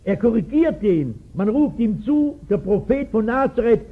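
This pastor in his sixties has a very high, very animated voice with a breathy edge, speaking at a normal speed. He tells a Bible story during a sermon, emphatic and regularly asking the congregation questions, heard on a tinny 1960s recording.

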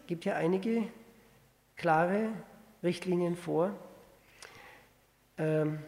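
Gravelly-voiced preacher in a reverberant hall. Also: male voice, sits high, darkish tone. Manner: conversational, many restarts and fillers, rhetorical questions. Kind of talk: sermon, verse-by-verse Bible exposition.

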